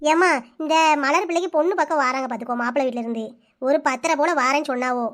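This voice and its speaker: A woman's voice: high-pitched, quick pace, fairly bright tone. A woman voicing a worried, scolding middle-aged village mother in a cartoon, grumbling to herself. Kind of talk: cartoon voice-over.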